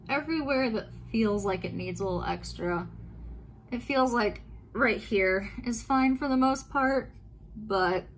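A woman chats through her nighttime skincare routine, meandering and casual, correcting herself as she goes. She is softly spoken and easygoing. A faint hiss of background noise sits under her voice. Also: fairly high pitch. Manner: chatty, meandering, with little fillers and self-corrections. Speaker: skincare vlogger. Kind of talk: casual talk-through while doing skincare.

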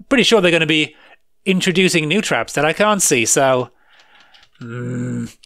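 A man's voice: fairly high pitch, gravelly, fairly bright tone. A man giving live commentary while playing a retro game, grumbling sarcastically and laughing at his own frustration. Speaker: retro gaming video host.

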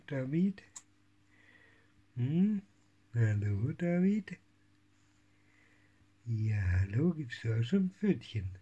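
Man, husky voice, unhurried, soft baby talk with whispers, middle-aged. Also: on the low side. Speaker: cat breeder. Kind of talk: casual home video vlog. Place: home room with kittens.

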